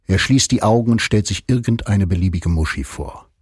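Husky, deep-voiced male audiobook narrator. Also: moderate pace, no room sound, clean studio sound. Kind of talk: scripted narration.

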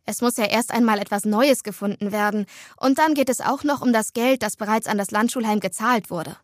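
A chatty, playful teenage schoolgirl with a fairly high, bright voice, as a woman puts her on. She tells her story with dramatic flair and loves to tease her best friend. The storybook reading is close and dry, with no room sound. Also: dry recording, close to an everyday voice. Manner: bubbly, quick, dramatic. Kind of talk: storybook dialogue.

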